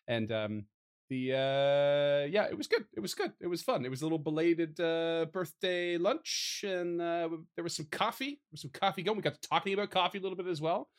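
A man's voice: fairly high pitch, brisk. Casting note: male podcast host, laughs a lot, teasing, easygoing friend-chat delivery. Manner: chatty, laughs often, teasing. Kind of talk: casual chat.

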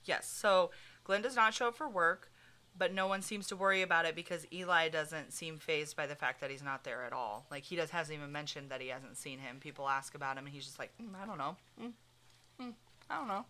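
A woman's voice: low-pitched, steady tone, fairly quick, bright, forceful tone, slight background noise. A woman hosting a podcast, telling a true crime story in casual chat, full of fillers and swearing. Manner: chatty, many fillers like "like", swears freely. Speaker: podcast host.

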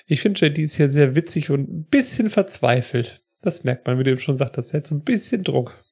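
Slightly high, gravelly-voiced chatty man. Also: expressive, darkish tone. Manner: chatty, reflective commentary with quick asides. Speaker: podcast co-host. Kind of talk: casual chat.

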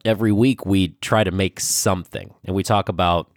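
A young man co-hosting a casual podcast, nasal and congested from a cold, hesitant with many pauses and ums. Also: sits low, steady tone, no echo, studio quality. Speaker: podcast co-host.

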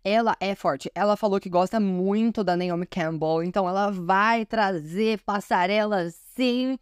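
A woman's voice: mid-range voice, unhurried, clean tone, no room sound, clean studio sound. A woman from Brazil hosting a podcast, chatting enthusiastically and often calling out to her listeners. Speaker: podcast host. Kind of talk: casual podcast commentary.

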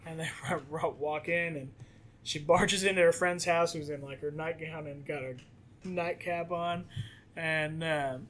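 A man's voice: on the high side, fairly even intonation, a little slow, fairly bright tone, slight background noise. A man casually recapping a movie plot in a podcast chat, acting out the characters' lines as he goes. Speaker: podcast co-host.

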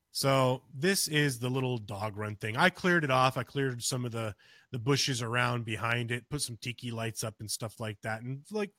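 A podcast co-host with a bright, forceful, mid-range voice casually tells the story of a personal encounter. He rambles loosely, full of restarts and "you know," growing louder and more urgent as the story builds, and the recording is close and dry.

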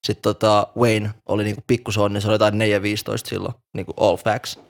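Gravelly low-voiced man, joking. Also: little pitch movement. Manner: rambling, joking, slangy. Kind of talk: casual chat about rap.

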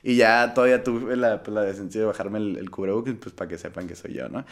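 A man's voice: on the low side, fast. Slangy Mexican man telling stories. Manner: animated storytelling with slang; acts out quoted voices. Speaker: guest musician. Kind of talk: casual conversation.

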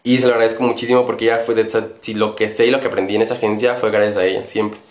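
A man's voice: on the low side, flat delivery, racing, reverberant. A young man with a Mexican Spanish accent tells a story casually, rambling with many fillers and self-corrections.

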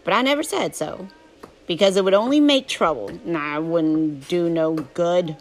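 A woman's voice: fairly low pitch, normal speed, faint music behind, voice pushed down, close to an everyday voice. A woman voicing Huckleberry Finn, a plainspoken, restless boy narrating a storybook in a folksy, drawling Southern US accent. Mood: matter-of-fact, defiant. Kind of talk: first-person storybook narration.

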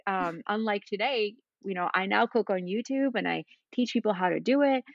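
A woman's voice: medium pitch, creaky, dry recording, muffled recording. A woman from Spain, in her thirties, chatting as a podcast guest in a rambling, filler-heavy way, about her cooking. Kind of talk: casual interview chat.

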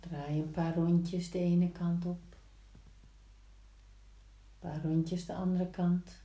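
A woman guiding a yoga practice slowly, in a soft, soothing, hushed voice with long pauses between short instructions. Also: fairly low pitch, flat delivery. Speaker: yin yoga teacher. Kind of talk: slow guided yoga instruction. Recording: roomy, echoing sound.

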